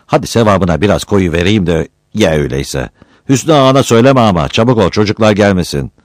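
A man voicing a scolding but kind village housewife who nags in quick bursts. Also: on the low side, expressive, dry recording, studio quality, voice pushed up, natural voice. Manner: scolding, quick and hushed warnings.

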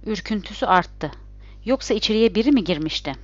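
A woman's voice: mid-range voice, expressive, brisk, dry recording. Woman reading a suspense story, dull lo-fi. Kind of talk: scripted suspense narration.

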